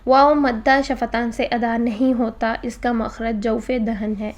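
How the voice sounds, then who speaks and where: High, steady-voiced woman teaching recitation. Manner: patient step-by-step explaining, mixes in English words. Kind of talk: recorded tajweed lesson.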